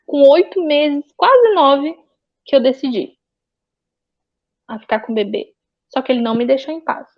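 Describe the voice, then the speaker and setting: A woman with a fairly high voice tells her own story with earnest, pained emphasis and keeps circling back over the same points. The sound is dull and lo-fi. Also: lively intonation, normal speed, long pauses. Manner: earnest, pained, repetitive retelling. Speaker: interview guest. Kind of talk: emotional personal testimony. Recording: dull lo-fi audio.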